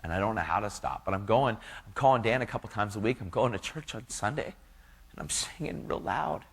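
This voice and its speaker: A man's voice: fairly low pitch, lively intonation, brisk, husky. A man giving an earnest, casual testimony in a preaching style, full of slang.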